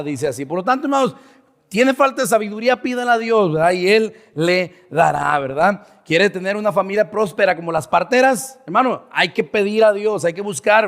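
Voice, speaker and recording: A man's voice: high-pitched, a bit bright, in a large hall. A man preaching a sermon to his congregation, often checking in with "verdad?" as he teaches. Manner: keeps asking the congregation "verdad?". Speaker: pastor. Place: church sanctuary.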